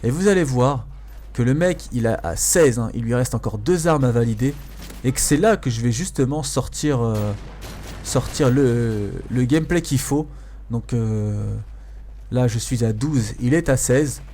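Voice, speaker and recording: This man's dark-toned, mid-range voice moves unhurriedly as he hosts amused, casual commentary over gameplay, pausing hesitantly and repeating phrases to stress them. Behind him are game sounds and a faint hiss of noise.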